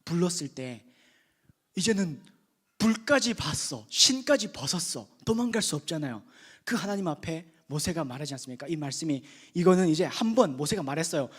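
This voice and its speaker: High-voiced man preaching conversationally. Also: very animated, moderate pace, breathy edge. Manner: conversational, swinging from loud to hushed. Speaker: preacher at a youth worship service. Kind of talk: sermon.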